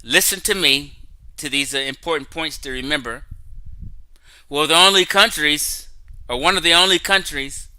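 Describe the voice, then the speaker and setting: An online talk show host with a fairly high voice speaks at normal speed in a bright, forceful, smooth tone; there's no room sound, but the audio quality is poor. On his casual livestream he lectures emphatically, often reading aloud from his screen and peppering his talk with "okay?" and "right?" to check in with viewers.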